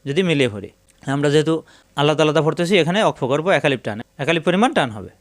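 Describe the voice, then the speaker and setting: A man with a Bangladeshi Bengali accent teaching Quran reading, spelling out each syllable patiently and chanting the words slowly. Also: on the high side, lively intonation, no echo. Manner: slow drawn-out chanting of Arabic words between plain explanations. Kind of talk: step-by-step spelling and pronunciation lesson.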